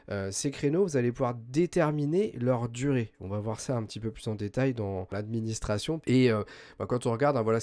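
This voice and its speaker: A man hosting a software tutorial, explaining step by step in a chatty way, full of hesitations and self-corrections. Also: mid-range voice. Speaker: host of a web tools tutorial channel. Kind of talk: screen-recorded software tutorial.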